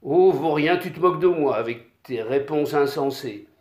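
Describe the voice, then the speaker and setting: A man playing a greedy, gruff old landowner. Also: on the high side, normal speed, darkish tone, natural voice. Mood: irritated. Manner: gruff, bullying, impatient. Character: rich greedy old male peasant-landowner, threatening. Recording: echoey room.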